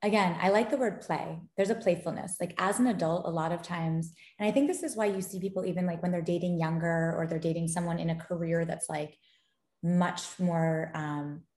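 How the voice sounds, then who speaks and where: A woman with a lowish, brisk voice guests on a podcast, chatting casually about dating and gaming as an animated storyteller who laughs and gets excited. The interview sounds like it was recorded in an echoey room.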